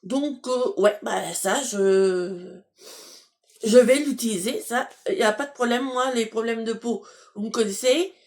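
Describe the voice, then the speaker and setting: A woman's voice: on the high side, measured pace. A woman casually chatting to her viewers while unboxing beauty products, hesitant, with many fillers and restarts, laughing at herself. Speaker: beauty box unboxing vlogger.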